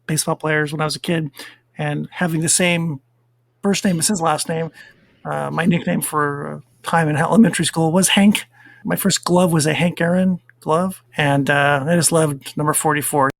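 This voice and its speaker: A man co-hosting a casual podcast, talking in a relaxed, rambling way with filler words. His voice is fairly high and gravelly, and it sounds dry and close, with no room echo. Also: moderate pace. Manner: relaxed and rambling, with fillers while reading down a list. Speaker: podcast co-host. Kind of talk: casual chat.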